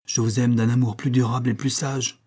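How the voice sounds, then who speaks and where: Brief: indulgent captain, read by a man, mellow husky voice. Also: medium pitch, level tone, brisk, close to an everyday voice. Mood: fond. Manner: fond, reassuring. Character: gentle, indulgent army captain.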